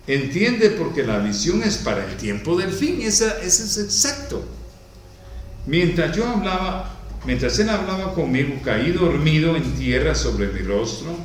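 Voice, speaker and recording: A man's voice: on the high side, recorded from a distance, a little hiss or hum. A man preaching a sermon in a church, reading scripture aloud and stopping to explain it with emphasis. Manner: reads verses aloud, then comments on them slowly and emphatically. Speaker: pastor. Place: church hall. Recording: very echoey hall.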